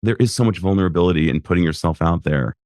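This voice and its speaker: A man hosting a podcast, reflecting in a measured way and asking his guest questions. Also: low voice, a little mellow, no echo, studio quality. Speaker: podcast host, psychologist. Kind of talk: casual interview chat.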